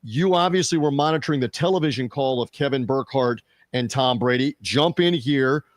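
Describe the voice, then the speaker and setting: A man hosting a sports media podcast, chatting casually with fillers and quick restarts. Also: medium pitch, no echo. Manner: conversational, fillers and restarts, reads out show plugs.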